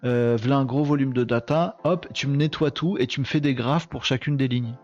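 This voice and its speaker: A male host of a live tech show, talking in a chatty, excitable way and punctuating with quick exclamations. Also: mid-range voice, muffled recording, soft background music. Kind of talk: casual live commentary.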